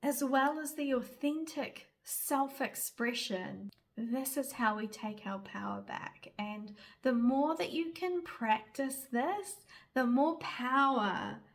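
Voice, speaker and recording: A woman giving a gentle, reflective spiritual guidance talk. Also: sits high, takes it slowly. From New Zealand. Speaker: spiritual reader and guide.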